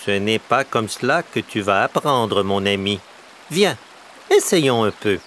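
A man voicing a clever, patient female crow in a storybook reading, slow and coaxing. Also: lowish voice, lively intonation, fairly bright tone, slight background noise.

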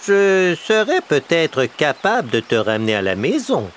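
A man's voice: on the high side, wildly swooping pitch, slight background noise, pitched above the performer's own voice. A man doing a clever crow lady. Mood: thoughtful. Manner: slow coaxing and encouraging. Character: clever female crow, patient helper.

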